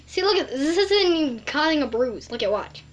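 A woman's voice: high-pitched, sing-song, fairly quick, dull audio. A woman joking with a friend on camera, offhand and teasing, trailing into fillers. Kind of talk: casual chat on camera.

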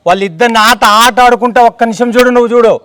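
A man playing a blustering landlord in a comedy sketch, boasting loudly but secretly scared. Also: very high voice, very fast.

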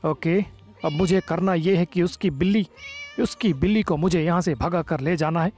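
A young man hosting a gaming channel, giving excited, teasing gameplay commentary full of playful taunts. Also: a little high, normal speed, soft background music.

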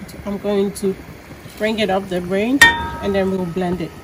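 A home cook with a Ghanaian accent narrates a cooking tutorial for her channel, explaining things in a chatty, conversational way. Her medium-pitched voice is steady and measured in pace, though the recording is very noisy.

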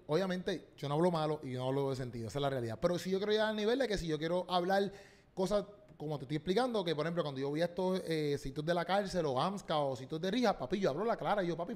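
Fast-talking Puerto Rican man, animated storyteller. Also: on the high side. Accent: Puerto Rican Spanish. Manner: animated, slangy storytelling, acts out quotes. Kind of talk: casual podcast chat.

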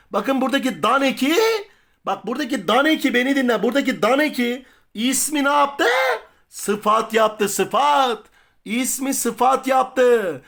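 A man's voice: very high-pitched, pushed and bright. A man teaching a grammar lesson for exam prep, quizzing students with repeated questions and answering them himself.

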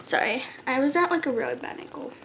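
Self-conscious, giggly young woman, high voice. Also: fast, vocal fry, heavy background noise. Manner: giggly, self-conscious, sings snippets mockingly. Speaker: vlogger reacting to her old singing cover. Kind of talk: casual reaction vlog.

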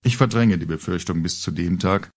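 Reading his own funny story aloud in audiobook fashion, this middle-aged man has a low voice and a brisk delivery. The scripted narration is wry and colourful.

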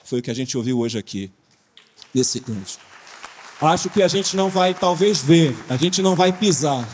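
A man's voice: on the high side, normal speed, slight background noise. Brazilian man, pastor telling a story. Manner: lively, informal storytelling with slang. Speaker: pastor, panelist. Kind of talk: storytelling talk on a conference panel. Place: conference hall. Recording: long hall reverb.

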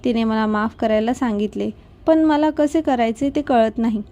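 Storybook role: a woman voicing a shy, tearful young wife, hushed and fairly high. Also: fairly even intonation, normal speed, close to an everyday voice. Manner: hushed, trembling. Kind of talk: storybook reading.

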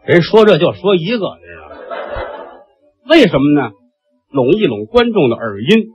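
A man opening a comic monologue in a husky voice, chatting and asking rhetorical questions. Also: on the high side, big pitch swings, moderate pace. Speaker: comic storyteller. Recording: dull lo-fi recording with faint music.

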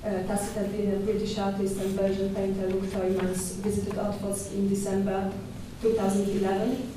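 A young woman curator giving a conference talk at a podium microphone in a dark lecture hall, measured and thoughtful with small hesitations and restarts. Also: mid-range voice, monotone, background noise. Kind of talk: conference presentation. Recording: echoey hall from far off.

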